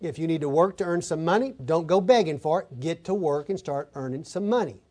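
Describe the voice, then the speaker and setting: A man's voice: on the high side, fairly quick, dark tone. A man preaching an expository sermon, reading scripture aloud and then explaining it with folksy stories and asides.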